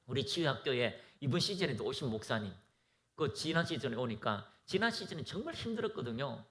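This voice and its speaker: Fervent pastor preaching with lively pitch. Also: male voice, brisk. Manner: fervent, exhorting, leads the congregation in reciting. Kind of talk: sermon. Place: church.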